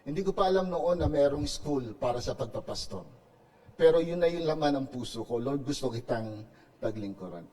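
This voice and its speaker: Male pastor, Filipino accent, mellow tone, preaching from a distance in church. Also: a little high, fairly quick. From Philippines. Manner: preaching in Tagalog mixed with English, frequent tag "no?". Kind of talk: sermon. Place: church sanctuary.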